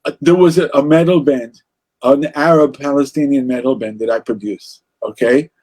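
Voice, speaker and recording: A man's voice: mid-range voice, steady tone, moderate pace, darkish tone. A man with an Israeli accent, speaking as an interview guest about music in a passionate, rambling way with many restarts. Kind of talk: casual interview conversation.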